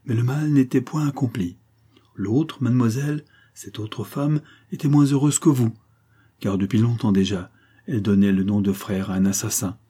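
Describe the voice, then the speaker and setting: A man reading a novel aloud, voicing a proud and commanding noblewoman with a forceful, insistent delivery. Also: medium pitch, moderate pace, slightly rough, natural voice.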